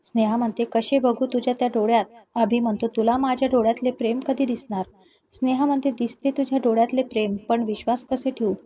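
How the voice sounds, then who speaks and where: A woman's voice: a little high, steady tone, brisk, dark tone. A woman narrating a romantic story and reading every character's lines in her own voice. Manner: reads all parts in her own voice, dialogue barely changed.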